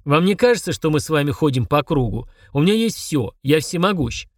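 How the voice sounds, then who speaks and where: A man voicing a haughty, short-tempered male demon lord who roars and sneers at mortals in a slow, booming manner. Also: expressive, no room sound, studio quality. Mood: scornful. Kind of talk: audiobook character voice.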